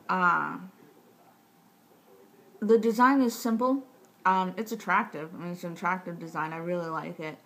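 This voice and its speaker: A woman in her thirties chatting casually to the camera with tight-jawed speech, rambling and matter-of-fact as she interrupts herself. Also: on the low side. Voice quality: tight-jawed speech from recent jaw surgery. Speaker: vlogger sharing surgery recovery tips. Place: small living room, indoors. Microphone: camera mic at about arm's length. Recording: clear background room noise.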